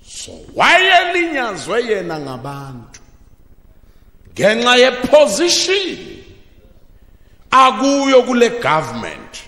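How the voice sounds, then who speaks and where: A man preaching a sermon into a pulpit microphone, who bursts into shouted emphasis and then drops low. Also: wildly swooping pitch, takes it slowly, pauses often. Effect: preaching through a pulpit microphone. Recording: long reverb of a large hall.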